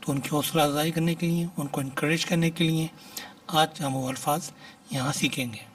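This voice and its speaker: Guy teaching english phrases, reads them out slow then explains, kinda husky and off-mic. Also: on the high side, steady tone, distant mic.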